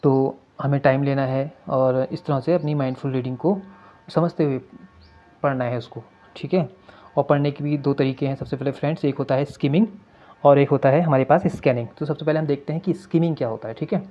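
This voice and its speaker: A male teacher explains exam reading strategies in a steady, level voice that barely rises or falls. He slips into his talk and hesitates often. The recording sounds dull and lo-fi. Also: medium pitch, fairly quick. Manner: addresses viewers as friends, mixes English terms into Hindi; many hesitation fillers.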